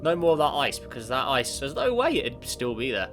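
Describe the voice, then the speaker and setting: A sniffly gaming YouTuber with a cold rambles casually while playing a space simulation game, correcting himself and talking back to the game. His voice is medium-pitched, very animated, fairly quick and fairly bright, with clear background music playing.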